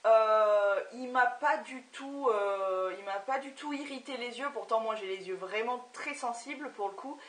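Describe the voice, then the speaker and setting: Young woman doing a chatty beauty review vlog, kinda high voice, lots of ums, sounds far from the mic in a roomy echo. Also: unhurried, hardly any pauses, fairly bright tone. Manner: hesitant, many filler sounds. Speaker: beauty vlogger. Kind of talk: casual product review vlog. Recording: echoey room, voice off-mic.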